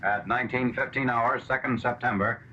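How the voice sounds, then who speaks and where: A man narrating an old wartime newsreel in crisp, clipped announcing phrases. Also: medium pitch, steady tone, normal speed. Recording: dull lo-fi 1940s newsreel soundtrack with faint hiss.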